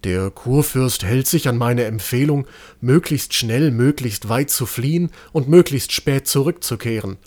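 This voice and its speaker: A man voicing an old court physician, excited and fussy, in a storybook reading. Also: medium pitch, measured pace, natural voice.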